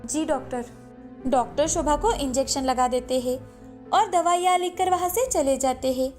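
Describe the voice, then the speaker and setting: Woman storyteller, high voice, steady expressive narration, cartoon story, faint music behind. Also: moderate pace.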